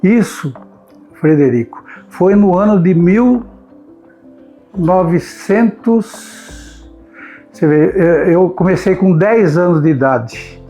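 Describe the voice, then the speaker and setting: Older Brazilian man, fairly high voice. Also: animated, takes it slowly, pauses often, dark tone, faint music behind. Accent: Brazilian Portuguese. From Brazil, São Paulo state. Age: 70s. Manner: rambling, repeats words while searching. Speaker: notary interviewee. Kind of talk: oral history interview.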